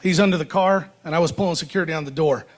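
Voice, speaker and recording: American man giving a high-pitched, emphatic podium speech. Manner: solemn, emphatic, deliberate rhetorical phrasing. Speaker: veteran giving a speech at a rally. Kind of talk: podium speech, public oratory.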